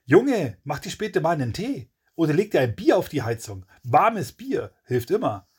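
A laid-back, mocking brewery old-timer, read by a man, drawling his teasing advice. The voice is husky and rises and falls lively, like a character in a crime audiobook. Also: a little high, moderate pace, exaggerated voice. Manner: dry, teasing.

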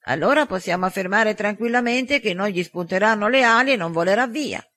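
A wry man teases and reasons in calm turns in this audiobook, as a male narrator voices him. His voice sits high and sounds close and dry. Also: fairly quick, no room sound. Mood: teasing. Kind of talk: audiobook dialogue.

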